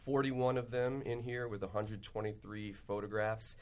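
Man, low pitch, radio interview guest, author, polite, explanatory, conversational. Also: fairly even intonation, moderate pace.

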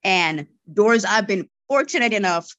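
A woman with a medium-pitched, fairly bright voice speaks in an animated way at a measured pace, and the recording is dry and muffled. She is a marketing and media relations director appearing as a podcast guest, patiently explaining things in interview answers. She stutters, repeats many words, and often adds "right?"

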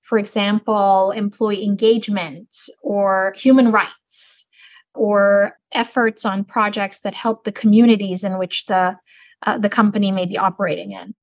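In an interview, a middle-aged Turkish woman who leads a business school as dean gives measured, articulate, explanatory answers. Her mid-range voice keeps a steady tone, and there is no echo.

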